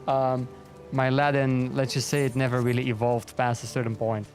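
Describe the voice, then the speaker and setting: Over soft background music, a young man from Belgium who speaks Dutch natively and has a heavy Flemish accent chats on his gaming livestream. His mid-range voice is level and moves at normal speed as he rambles, curses often, mocks himself and frequently starts over.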